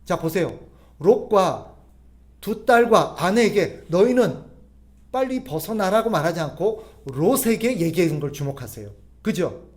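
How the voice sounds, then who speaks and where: A man delivers a sermon in a fairly high, very animated voice. He keeps putting rhetorical questions to his congregation, pushing his stressed points up loud and then letting the answers fall away quietly. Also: measured pace. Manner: rhetorical questions to the congregation, swinging between loud emphasis and soft drops. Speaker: pastor.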